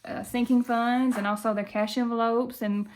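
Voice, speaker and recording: Here the budgeting-video host, a Tennessee woman with a country Appalachian Southern accent, keeps things casual and folksy with her viewers. Her voice is a bit high and her delivery flat, at a normal speed.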